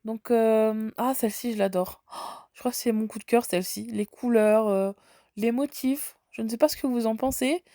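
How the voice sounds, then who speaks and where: Walking through a big shop, a woman from France who has a mild head cold keeps up a chatty, excited running commentary packed with fillers. She's a shopping vlogger whose slightly high voice has a dark tone and moves at a normal speed. The audio is clean, studio-like, and free of room sound.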